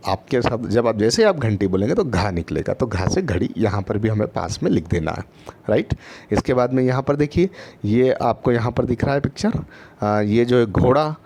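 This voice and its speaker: A man's voice: medium pitch, animated, moderate pace, a little mellow, a little hiss or hum. A man teaching first graders in an online lesson, patient and repetitive, often checking in with his listeners and drawing out letter sounds. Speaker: primary school teacher.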